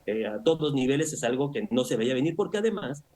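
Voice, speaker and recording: Man, husky voice, middle pitch, news interview analyst, measured and analytical. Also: very animated, a little mellow. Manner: measured, analytical, with frequent "o sea" and "¿no?". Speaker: analyst guest.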